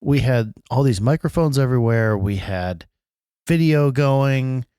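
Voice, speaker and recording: A man's voice: medium pitch, measured pace, warm tone, clear, resonant tone, no room sound, clean studio sound. A man co-hosting a podcast in casual, playful, joking chat. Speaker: podcast co-host.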